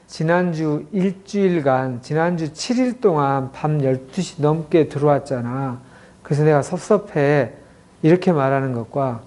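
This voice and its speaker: With a slightly high, somewhat mellow voice, this middle-aged man runs a clinic and is giving a talk about communication. His explanations are unhurried and packed with acted-out sample quotes.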